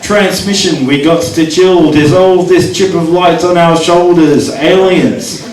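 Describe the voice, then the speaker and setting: At an open mic, a man reads poetry in a somewhat high, darkish voice, going a little slowly. He tosses in wry asides and counts down his remaining time out loud. The room is echoey, the mic is distant, and an audience can be heard.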